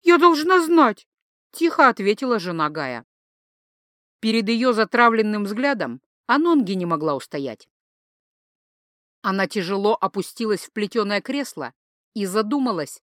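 A woman narrating a fantasy audiobook in a measured, expressive reading. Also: mid-range voice, no room sound, studio quality. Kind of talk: scripted narration.

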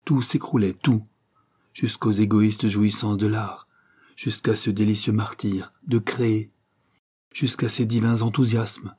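A man reading a literary story aloud in an expressive, dramatic way. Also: lowish voice, measured pace, slightly rough. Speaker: audiobook narrator.

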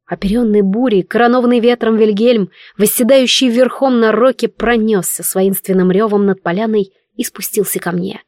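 A woman narrating a first-person fantasy audiobook with expressive, emotional storytelling. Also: mid-range voice, moderate pace, hardly any pauses, no echo, studio quality.

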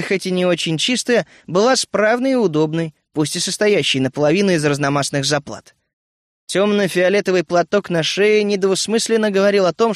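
A man reading an adventure story aloud, narrating in a measured, even storytelling manner. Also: high voice, no room sound, studio quality. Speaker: audiobook reader. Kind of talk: scripted narration.

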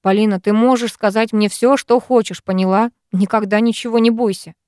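A woman reading the lines of a protective, furious young man in an audiobook, forceful and commanding. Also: fairly high pitch, steady tone, fairly quick, lightly acted.

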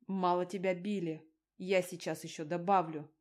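A woman reading the part of a rough, angry young man who barks out blunt, scornful replies in an audiobook. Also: fairly low pitch, fairly even intonation, normal speed, close to an everyday voice.

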